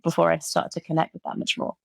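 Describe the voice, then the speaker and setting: Her low-pitched voice has vocal fry and a monotone, quick delivery, captured in a dry, studio-quality recording. She's a British guest on a relaxed interview, eagerly discussing her burnout recovery coaching and often doubling up words to stress them.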